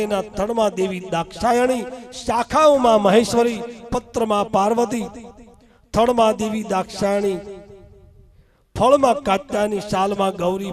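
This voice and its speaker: A high-voiced man delivers a devotional katha sermon. He swings between loud, soaring peaks and hushed drops. A crowd can be heard around this live recording. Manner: rises and falls dramatically, calling the audience dear ones. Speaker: religious storyteller.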